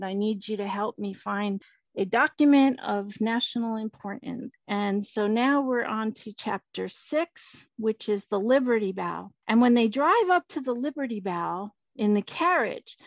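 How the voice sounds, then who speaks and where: A woman's voice: a little high, dry recording, lo-fi sound. Chatty woman author. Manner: chatty, enthusiastic storyteller. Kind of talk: author talk and reading.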